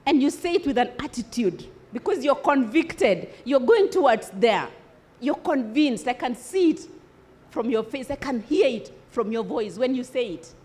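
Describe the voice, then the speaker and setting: A woman's voice: a little high, lively intonation, moderate pace, darkish tone. A woman giving a motivational speech to students at a congress, asking rhetorical questions and repeating key words for emphasis. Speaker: motivational speaker. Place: conference hall.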